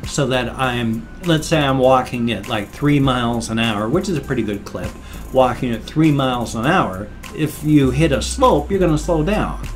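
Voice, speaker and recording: An older man rambling casually to viewers, apologetic and mildly grumbling, his speech hissing and slightly slurred from loose dentures. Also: mid-range voice. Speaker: vlogger.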